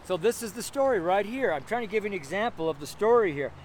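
High-pitched and fast-talking, this man in his seventies preaches with lively intonation on a city street among buildings. He rambles informally in a strong, carrying voice, exclaiming and repeating phrases for emphasis, while traffic and street noise sound around him.

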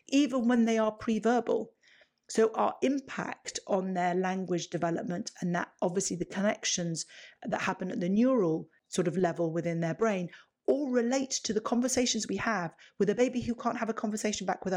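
A woman with a medium-pitched, slightly mellow voice hosts a solo parenting podcast. She explains advice step by step, often rephrasing as she builds lists.

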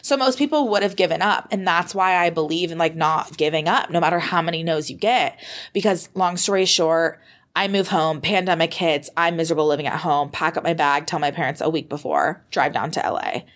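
A young woman in her twenties, a model guest on a podcast, telling her story in a casual, animated way with lots of fillers and swearing. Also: sits low, a little fast.

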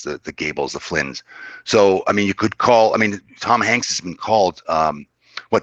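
An older man with a very low voice that still comes across bright and forceful. He talks about classic films in a measured, thoughtful way, often restarting his sentences, and the recording is dry with almost no room sound. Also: no room sound. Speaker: podcast guest. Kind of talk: casual film discussion.

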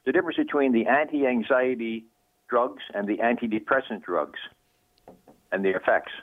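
A man's voice: medium pitch, normal speed, dry recording. A man calling in to a radio show over a phone line, chatty and plainspoken. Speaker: caller. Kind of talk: radio call-in question.

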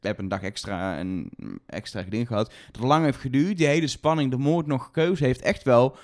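A man's voice: mid-range voice, normal speed, darkish tone. A man co-hosting a podcast, chatting casually about a TV show. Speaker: podcast co-host. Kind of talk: casual chat discussing a TV show.

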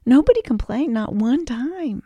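A woman co-hosting a faith podcast, earnestly telling a personal story in relaxed conversation. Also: sits high, a little slow, slightly rough, no room sound. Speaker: podcast co-host.

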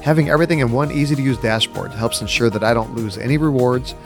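Fast-talking upbeat podcast host man. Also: mid-range voice, music in the background. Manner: upbeat and enthusiastic. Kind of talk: podcast interview.

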